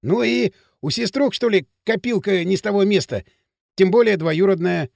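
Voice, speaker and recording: Brash teen lad, pushy slang, high lively voice, dry close sound; male narrator doing the voice. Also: normal speed, gravelly, no echo. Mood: scheming. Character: cocky bossy teenage boy from town outskirts. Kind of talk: audiobook character voice.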